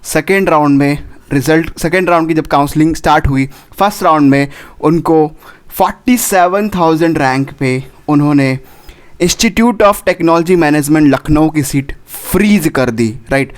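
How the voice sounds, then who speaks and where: Young male counsellor, slightly high voice, urgent and repetitive warnings. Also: measured pace. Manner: urgent, repetitive, warns directly, drops English words into Hindi. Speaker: admissions counsellor. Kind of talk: counselling advice video.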